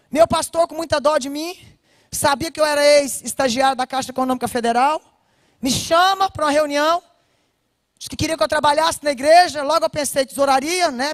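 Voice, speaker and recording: A woman pastor with a Brazilian Portuguese accent giving an animated personal testimony, speaking straight to her listeners. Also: sits high, no room sound, studio quality. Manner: animated storytelling, addresses listeners directly. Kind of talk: personal testimony told to a congregation.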